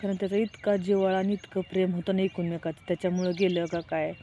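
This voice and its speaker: Mellow, flat-voiced woman. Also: on the low side, fast talker, slight background noise. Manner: plainspoken, keeps saying "look" to viewers. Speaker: vlogger. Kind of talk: casual vlog storytelling.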